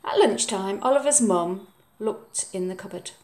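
A woman reading a children's story aloud in a measured, expressive way. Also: mid-range voice. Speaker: storybook reader.

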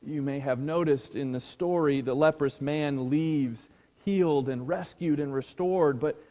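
Guy pastor giving a sermon, real slow, quiet, trails off to near whispers, churchy reverb. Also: fairly high pitch. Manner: slow, hushed, dropping to near whispers on key words. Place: church sanctuary.

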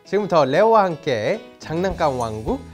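A young man presenting a children's toy show in a booming, exclamatory way as he addresses the kids. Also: sing-song, moderate pace, over music. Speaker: kids' toy show host. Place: small indoor studio. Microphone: lapel mic.

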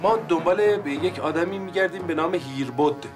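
A man's voice: fairly high pitch, music in the background, natural voice. An actor playing a pompous, boastful male police detective in a TV sitcom, talking formally and self-importantly. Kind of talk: TV sitcom acting.

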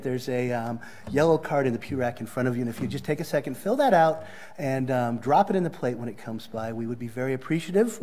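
A man's voice: a little high, a little mellow. A man with a Southern accent welcoming a church congregation and giving announcements in a friendly way, with frequent ums. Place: church sanctuary.

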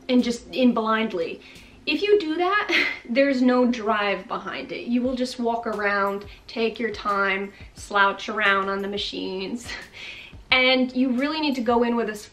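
Chatty high-voiced woman coaching fitness. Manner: energetic, chatty, coaxing with frequent "okay?" and big hand gestures. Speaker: fitness vlogger. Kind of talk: upbeat motivational talk to camera. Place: bright bedroom, indoors.

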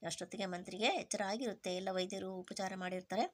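A woman's voice: mid-range voice, steady tone, fast. A woman teacher who reads a textbook story aloud, then retells each line in simple everyday words. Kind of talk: reading and explaining a textbook lesson.

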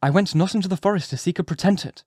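A man's voice: sits high, rapid-fire, darkish tone, husky, no echo, voice pushed up. A tormented clergyman, grave and formal, his voice raised a little above the narrator's own, as a male reader plays him. The sound is dry and close. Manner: anguished, solemn, formal.

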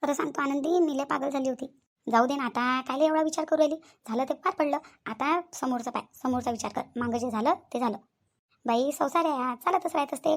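In a cartoon family drama, the anxious village women are played by a woman whose high voice carries a Vidarbha Marathi accent. She talks fast, fretful and emphatic in plain everyday speech, repeating the same words over and over. She sounds distressed at first and then turns reassuring.

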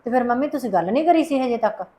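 A woman playing a stubborn quick daughter-in-law. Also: on the high side, expressive, mellow, lightly acted. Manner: blunt, stubborn demands. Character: young daughter-in-law, stubborn about her sister.

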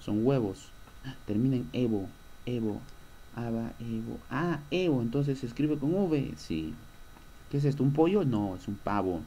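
A man's voice: medium pitch, unhurried, dark tone, slight background noise. A male schoolteacher giving a recorded lesson, patiently explaining and answering his own questions. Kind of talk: recorded online class lesson.

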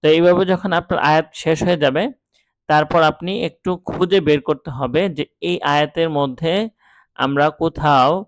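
A man leads a slow, careful reading lesson, his voice slightly high for a man and smooth. He takes his time, spells each sound out patiently, and the recording is dry and close. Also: no room sound. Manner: patient, spells letters out slowly then recites drawn out. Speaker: Quran reading teacher. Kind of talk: step-by-step recitation lesson.

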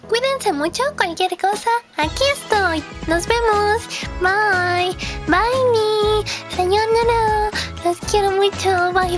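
Young woman, squeaky cute voice, slow drawn-out talk, loud music underneath. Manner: exaggerated high cute voice, giggly and bashful. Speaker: fandubber. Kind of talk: cute voice meme. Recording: music playing loudly underneath.

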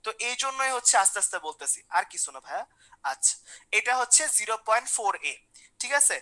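Woman teacher, quick and high-pitched, coaxing and repetitive. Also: expressive, pushed and bright, rough recording. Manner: repeats questions, coaxes students by name. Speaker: chemistry teacher. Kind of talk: online class lecture.

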